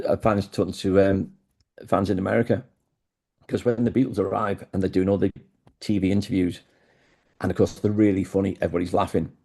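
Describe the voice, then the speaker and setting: Enthusiastic storytelling man, low and mellow. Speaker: guest, music historian. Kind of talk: conversational interview.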